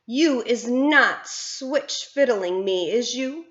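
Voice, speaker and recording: A woman reading aloud and voicing a greedy, bad-tempered male giant who booms slowly and menacingly. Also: animated, fairly bright tone. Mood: suspicious. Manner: booming, slow and menacing. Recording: roomy, dull lo-fi sound.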